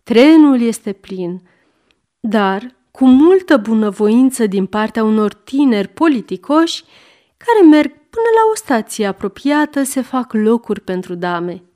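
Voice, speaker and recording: A woman reading a story aloud with lively, expressive narration. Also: on the high side. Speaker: reader.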